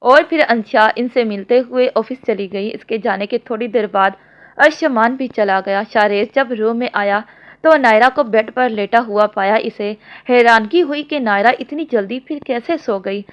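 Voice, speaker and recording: A woman reading a romance novel aloud in a steady, storybook narration. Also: fairly high pitch, moderate pace. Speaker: novel reader. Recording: dull lo-fi audio.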